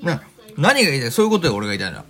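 A man's voice: fairly high pitch, very fast. A man co-hosting a casual comedy chat, teasing his partner and breaking into laughs. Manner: animated, teasing, bursts into laughs. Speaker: podcast co-host.

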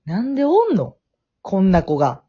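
A young woman with a Kansai accent teases her friend through a casual podcast chat. Her husky voice swings widely in pitch. She calls in from her family home, and the line sounds dull and lo-fi. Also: huge pitch swings, mellow. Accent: Kansai Japanese. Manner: teasing, quick banter. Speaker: podcast co-host. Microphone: remote call. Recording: dull lo-fi audio.

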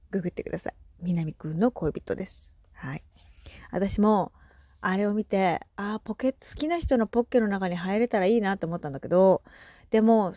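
A woman in her thirties talks casually on her own podcast, animated and quick to laugh, dropping into soft asides now and then. Her voice sits at a middle pitch. The recording is dry and close, with no room sound. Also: dry recording. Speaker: podcast host. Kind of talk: casual solo chat.

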